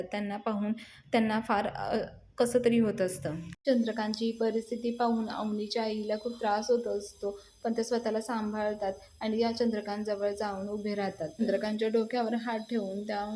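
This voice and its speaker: Woman retelling a TV episode, flat mellow voice. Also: medium pitch, slight background noise. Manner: steady storytelling with fillers and restarts. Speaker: TV serial reviewer.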